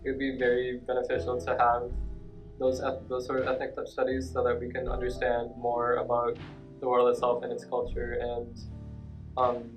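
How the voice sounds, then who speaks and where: A young adult student speaking hesitantly, with restarts, in a casual interview. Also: male voice, mid-range voice, completely flat delivery, moderate pace. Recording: dull, muffled sound with soft guitar.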